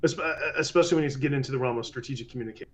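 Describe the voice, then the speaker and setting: During a casual podcast conversation, a man talks animatedly and rapid-fire in a mid-range voice. He frequently restarts sentences and imitates people whenever he quotes them.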